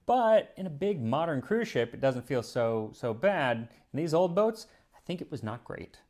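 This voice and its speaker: A man's voice: fairly high pitch, very animated, normal speed, a little mellow. A man hosting an educational video, reading scripted narration in an emphatic, explanatory way. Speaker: host of a food history video show.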